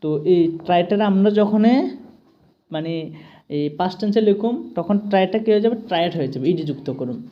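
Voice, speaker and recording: A woman's voice: lowish voice, animated, moderate pace, long pauses, highs cut off. A woman with a Tripura Bengali accent teaching English grammar to students, patiently checking that they follow each step. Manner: patient, keeps checking understanding with "ঠিক আছে?".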